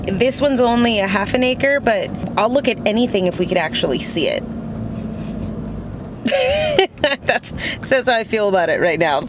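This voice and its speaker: A woman's voice: medium pitch, background noise. A young woman vlogger chatting casually outdoors on a hillside, laughing often as she talks. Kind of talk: casual chat. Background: background music.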